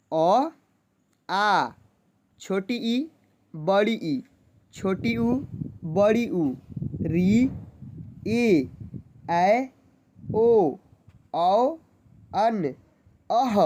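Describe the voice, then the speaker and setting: A woman teaching basic reading, who quizzes her listeners and repeats each point slowly and patiently. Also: on the high side, a little mellow, slight background noise. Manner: slow, drawn-out letter sounds. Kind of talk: basic literacy lesson.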